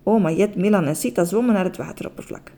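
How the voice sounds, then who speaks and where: A woman narrating a children's story aloud, expressive, with the odd slip and restart. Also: medium pitch, fast talker. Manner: expressive, with occasional slips and restarts.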